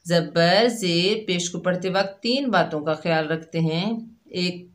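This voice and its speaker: A woman teaching Quran recitation rules step by step, explaining each letter and then sounding out the syllables slowly. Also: fairly low pitch. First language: Urdu. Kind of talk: slow step-by-step tajweed lesson.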